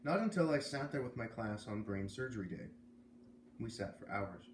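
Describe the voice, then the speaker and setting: An American storyteller with a lowish voice and lively intonation reads a children's novel at a moderate pace, chatting in casual asides. The space sounds roomy and echoey, with faint noise behind him.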